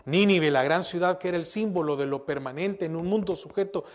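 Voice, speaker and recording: A man's voice: a little high, brisk. A middle-aged man preaching a sermon as pastor, speaking emphatically and asking the congregation questions. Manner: emphatic, repeats words and restarts.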